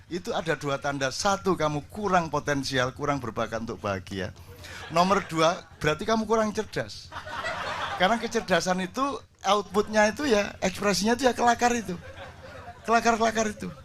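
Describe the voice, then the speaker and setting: A man's voice: high-pitched, a bit bright. Joking preacher, older man. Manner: jokey storytelling, switches into Javanese. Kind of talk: casual sermon with anecdotes.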